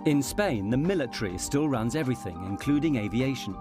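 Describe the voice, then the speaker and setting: A man narrating a documentary in a measured, dramatic scripted delivery. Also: mid-range voice, animated. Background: music.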